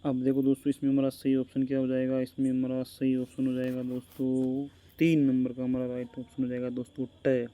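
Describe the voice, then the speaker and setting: Male grammar tutor, monotone and deep-toned, keeps repeating himself and drawing out vowels slowly. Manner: repetitive, keeps calling the class friends, asks and answers his own questions; stretches vowels slowly to demonstrate them. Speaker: teacher. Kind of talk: exam-prep grammar lesson.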